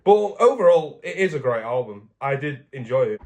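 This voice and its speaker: A man's voice: medium pitch, sing-song, moderate pace. A man from England talking casually to camera in a vlog, rambling and correcting himself as he goes. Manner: rambling, chatty, self-correcting. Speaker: vlogger.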